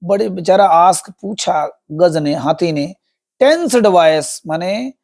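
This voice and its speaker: A man's voice: high voice, animated, slow pace, gravelly, darkish tone. A man teaching English through a story. He explains each word and meaning, repeats himself, and addresses viewers as friends. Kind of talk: Hindi-medium English lesson explaining a story.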